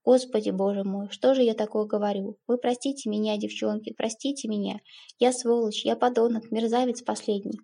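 A woman's voice: a little high, steady tone, brisk, creaky, mellow. A woman reading an audiobook, voicing a drunk, hysterical middle-aged father who swings between anger and remorse. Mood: self-pitying.

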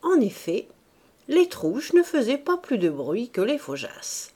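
Woman audiobook narrator, slow unhurried pace, lively melodic pitch, expressive reading. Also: slightly rough. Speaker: audiobook reader. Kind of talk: scripted narration of a classic novel.

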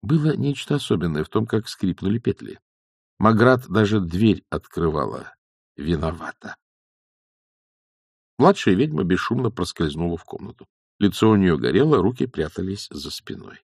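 A man reading an audiobook in a theatrical, lively way. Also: sits low, moderate pace, gravelly, slightly rough, no room sound, studio quality. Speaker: audiobook narrator.

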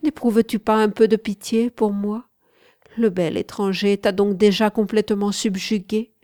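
A woman's voice: medium pitch, steady tone, normal speed, mellow, dry recording, studio quality, natural voice. A woman reading an audiobook, voicing a desperate young man in love who pleads in a raised, tremulous voice. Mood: pleading.

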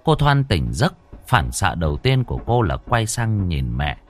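A man narrating a horror story in a measured, dramatic way. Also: sits low, big pitch swings.

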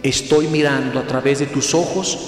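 A man's voice: mid-range voice, fairly even intonation, normal speed, natural voice. Man voicing a tender divine man. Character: gentle searching male divine figure. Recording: echoey hall with faint music.

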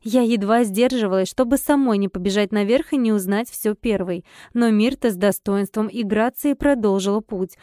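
A woman narrating a first-person fantasy audiobook in an expressive, wry manner. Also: mid-range voice, moderate pace, few pauses, no room sound, clean studio sound.

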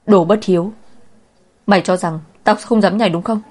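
A woman voicing an older father who shouts in anger, in a storybook reading. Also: medium pitch, fairly even intonation, moderate pace, close to an everyday voice. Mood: furious. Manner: barking, angry.

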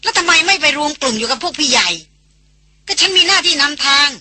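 A woman's voice: high-pitched, animated, fast, sharp tone, dry recording, pitched above the performer's own voice, full character voice. A woman reading a grumbling, blunt man. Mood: irritated. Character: hot-tempered man on a jungle trek.

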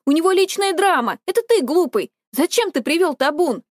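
A woman voicing a hot-tempered young teenage girl who shouts in high, shrill outbursts. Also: animated, normal speed, no echo, clean studio sound.

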